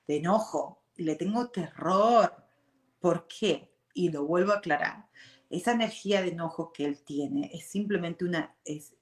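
Expressive Argentine woman in her forties. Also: lowish voice. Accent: Argentine Spanish. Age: 40s. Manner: expressive, tags sentences with "¿ok?", drops in English words. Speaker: show host. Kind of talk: casual personal talk. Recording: roomy echo.

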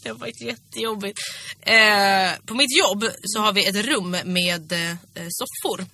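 Young Swedish woman co-host, casual and rambling, mid-pitched. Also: sharp tone, slight background noise. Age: young adult. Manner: chatty, many fillers and restarts, laughs easily. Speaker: podcast co-host. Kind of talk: casual chat.

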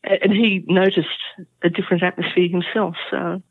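A woman recounts a personal story in an earnest, halting way, full of fillers and restarts. Her voice comes over a tinny, phone-like line. The sound is dry, with no room around it. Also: lowish voice, fairly even intonation, no room sound. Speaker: interview guest.

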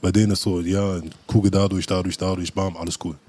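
A man's voice: sits low, flat delivery, brisk, darkish tone. A man telling stories in casual chat, full of street slang and acted-out quotes. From Germany.

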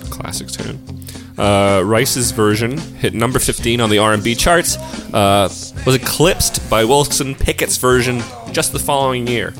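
A man's voice: medium pitch, unhurried. A man co-hosting a music debate podcast, reading prepared arguments with a dry, sardonic wit. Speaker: podcast co-host.

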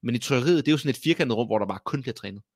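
A man co-hosting a fitness podcast, telling gym stories in a casual, animated way and swearing freely. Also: mid-range voice, breathy edge, no room sound, studio quality. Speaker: podcast co-host. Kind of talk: casual chat.

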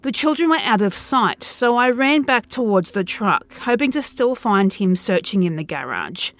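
A woman narrating a first-person horror story in an expressive reading. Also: medium pitch, moderate pace.

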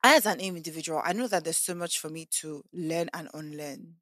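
Brisk and low-voiced, a woman in her 20s chats casually on a podcast, animatedly acting out quoted voices. The recording is clean studio sound without room ambience.

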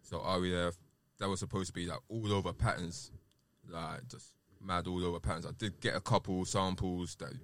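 A man with a deep voice and a South London roadman accent talks as a guest in a casual interview. His speech is informal and loosely rambling, full of street slang. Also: little pitch movement, normal speed, fairly bright tone. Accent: South London, urban roadman. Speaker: podcast guest, rapper and producer.

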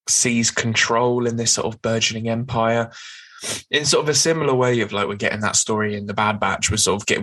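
A man's voice: lowish voice, sharp tone, low-quality recording. A man co-hosting a podcast, chatting casually about comics with frequent fillers. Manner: chatty, with many fillers and hedges. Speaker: podcast co-host.

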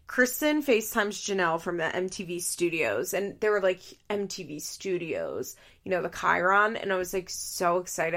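Chatty woman with heavy vocal fry. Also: fairly low pitch, pushed and bright. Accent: Valley Girl. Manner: chatty, frequent "like" fillers, swearing, amused. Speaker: podcast host. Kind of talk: casual reality-TV recap monologue.

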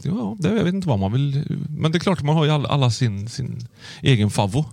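An easygoing male radio host in relaxed chat, agreeing often and reading out listener rhymes. His voice sits in a middle pitch. The recording is dry and close to the mic. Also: creaky, no room sound. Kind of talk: casual chat.

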